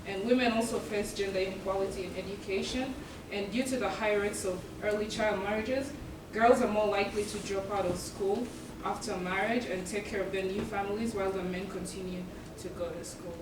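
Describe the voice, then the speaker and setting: A young woman who grew up in East Africa, in South Sudan and Uganda, gives a student presentation in an event room, earnest and measured, with many ums between her points. Her mid-range voice keeps a fairly even intonation. She sounds a little far from the mic in an echoey room, with clear noise behind her.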